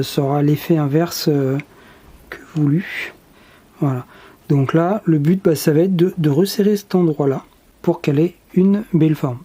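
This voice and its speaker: A DIY tutorial host explaining a workshop task step by step in a relaxed, casual way, pausing often with fillers. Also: medium pitch, husky. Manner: relaxed, hesitant, many filler pauses.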